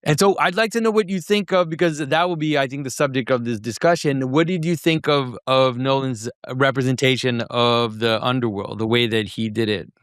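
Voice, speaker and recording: A man's voice: mid-range voice, fairly quick, hardly any pauses, a bit bright, clear, resonant tone, no room sound, studio quality. A man interviewing in a conversational way, repeating words as he feels out his questions.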